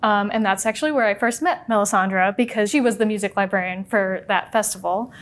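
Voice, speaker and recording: Young adult woman, assistant librarian; relaxed, chatty, filler-heavy interview talk. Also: mid-range voice, brisk. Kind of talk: casual interview answers.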